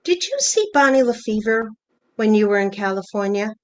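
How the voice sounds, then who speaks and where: In a mid-range, near-everyday voice with lively intonation and a moderate pace, a woman reads the part of a wounded, jealous older wife who pokes and probes. The setting is a naturalistic play reading staged virtually.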